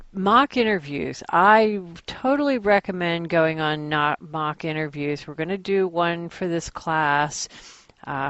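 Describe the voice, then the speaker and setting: A woman's voice: deep voice, dry recording, muffled recording. A woman instructor giving a recorded class lecture, talking conversationally with frequent ums and uhs.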